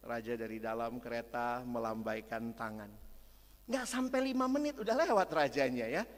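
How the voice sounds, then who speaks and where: A man from Makassar preaching a sermon as a lively story, swinging between loud and hushed. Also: mid-range voice, normal speed. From Makassar, Indonesia. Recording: long hall reverb.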